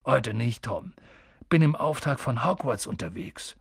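A man voicing a huge, friendly giant who talks low, gruff and clipped, often dropping to a mutter. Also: lively intonation, measured pace, dry recording, clean studio sound, full character voice. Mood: brisk.

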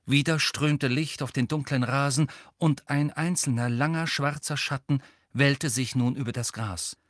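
A man narrating an audiobook in an expressive reading. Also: mid-range voice, measured pace, no echo, clean studio sound. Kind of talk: scripted narration.

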